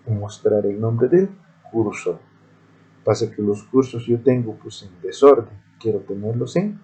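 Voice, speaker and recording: A man's voice: fairly low pitch, dark tone, lo-fi sound. A male teacher giving a screen-recorded programming lesson, explaining methodically step by step.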